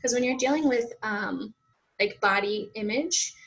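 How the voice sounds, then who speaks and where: A fitness coach with a Boston-area accent talks openly and casually as an interview guest, with plenty of fillers. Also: female voice, on the high side, measured pace, fairly bright tone, husky, poor audio. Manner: open, chatty, many fillers.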